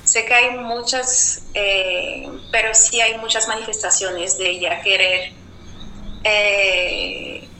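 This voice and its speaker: A woman from Guadeloupe, a guest artist speaking slowly and reflectively on live radio. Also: mid-range voice, fairly even intonation, sharp tone. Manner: slow, reflective, hesitant. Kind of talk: live radio conversation over a remote call. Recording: echoey remote line with noise.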